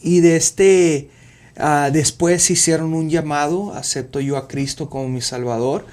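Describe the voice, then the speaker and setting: A man in his forties giving an earnest, halting personal faith testimony as a podcast guest, with frequent fillers. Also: a little high, fairly even intonation, darkish tone. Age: 40s. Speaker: podcast guest, youth minister.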